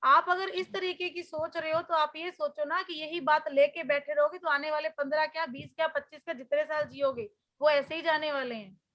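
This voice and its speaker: A woman teaching a spiritual healing class talks through memories and lessons in a relaxed, conversational way. Her voice sits high and sounds bright and clear. She tells stories earnestly, and her voice sometimes falls quiet. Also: brisk. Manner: storytelling, earnest and conversational, often drops soft. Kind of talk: spoken healing class talk.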